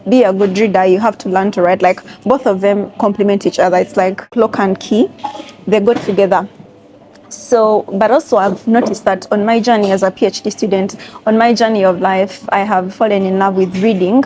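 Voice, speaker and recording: A chatty young woman whose first language is Luganda vlogs her travels from a cafe and an airport, indoors. Her medium-pitched voice has a darkish tone, and she's reflective, talking straight to her viewers in casual conversation.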